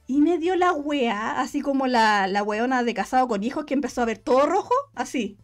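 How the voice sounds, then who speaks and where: Fast-talking Chilean woman telling a story. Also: high voice, faint music behind. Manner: fast, slangy, animated storytelling with voiced quotes. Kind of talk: casual storytelling chat.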